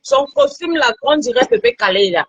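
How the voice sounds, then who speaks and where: Husky woman telling a story animatedly. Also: fairly high pitch, moderate pace, no echo, muffled recording. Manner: animated storytelling, repeats phrases. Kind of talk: casual chat.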